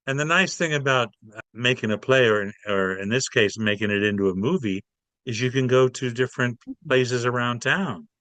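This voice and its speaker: A man's voice: mid-range voice, moderate pace, sharp tone, dry recording. A man, a playwright guest in an interview, telling stories animatedly and acting out his characters. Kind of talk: casual interview storytelling.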